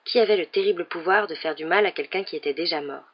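Man narrator, audiobook reading, slightly high voice, muffled lo-fi recording. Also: quick pace. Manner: reads all the characters with raised pitch for quoted lines. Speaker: audiobook reader. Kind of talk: scripted narration. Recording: dull lo-fi recording.

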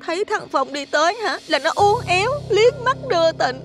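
A man's voice: very high-pitched, lively intonation, moderate pace, music in the background, pitched above the performer's own voice. A man voicing a spiteful young village woman, speaking in a whiny, fake-crying storytelling voice. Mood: whiny gossiping. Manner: fake sobbing, whiny and pleading.

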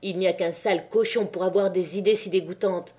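A woman's voice: lowish voice, steady tone, a little fast, mellow, lightly acted. A woman reading an audiobook, voicing a stern, blunt miner's wife of about forty who speaks frankly and unyieldingly.

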